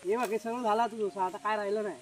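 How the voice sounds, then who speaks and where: A man's voice: sits high, steady tone, fast. A man giving brief, matter-of-fact replies outdoors in a garden. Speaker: family member.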